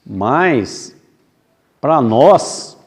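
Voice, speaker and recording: A man giving a spiritist sermon as a lecturer, reflective and slow, asking rhetorical questions and acting out short dialogues. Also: mid-range voice, sing-song. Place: spiritist center hall.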